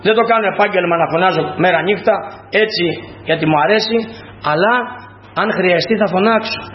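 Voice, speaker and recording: A man with a high voice preaches a sermon, first reading scripture in a solemn, measured way and then expounding it with emphatic bursts. The sound is dull and lo-fi, caught in a roomy, echoing church. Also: slight background noise. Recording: echoey, dull lo-fi church recording.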